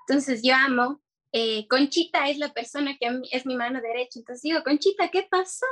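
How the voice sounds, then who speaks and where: A woman's voice: high voice, fairly bright tone. A young woman chatting casually in an interview, earnest and hesitant, with many fillers and restarts. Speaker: guest entrepreneur.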